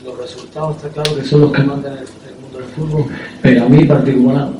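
A man, a football coach, answering at a press conference in a halting way, often repeating words and filling pauses with "eh". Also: medium pitch, flat delivery, crowd noise. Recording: echoey room, distant mic.

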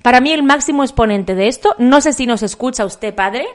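Woman, giggly chatty co-host, somewhat high voice. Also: fairly quick. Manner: laughs often, chatty and warm-humored. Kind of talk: casual chat.

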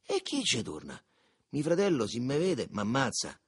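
A man's voice: mid-range voice, wildly swooping pitch, normal speed, husky, heavily acted. A man voicing Lenzetta, a cocky Roman street boy, with a brash, mocking Roman accent in an audiobook. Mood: grumbling. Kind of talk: audiobook character voice.

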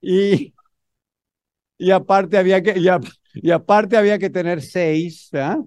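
A man with a Mexican accent telling a humorous story to an audience in an animated, motivational speaking style. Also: high-pitched, measured pace, smooth, no room sound.

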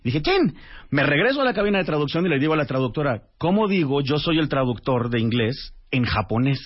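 A man, a radio guest telling a lively anecdote and acting out the dialogue. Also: fairly high pitch, quick pace. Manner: animated storyteller acting out dialogue. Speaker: radio guest, author and translator. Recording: dull lo-fi radio audio.

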